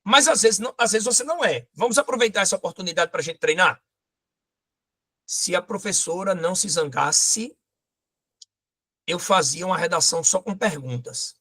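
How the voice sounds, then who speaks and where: A man teaching a lively exam-prep grammar lesson, pointing things out as he goes. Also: sits high, normal speed, pauses often.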